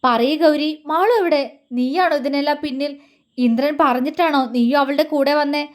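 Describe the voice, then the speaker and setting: Woman reading as a stern worried young guy, grilling someone, high voice. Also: moderate pace, close to an everyday voice. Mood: demanding. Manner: grave, demanding questions.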